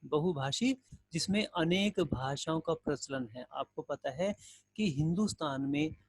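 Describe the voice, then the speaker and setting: A man's voice: a little high, husky, no echo. A male Hindi teacher giving a recorded grammar lesson, explaining step by step with everyday examples and questions to students. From India.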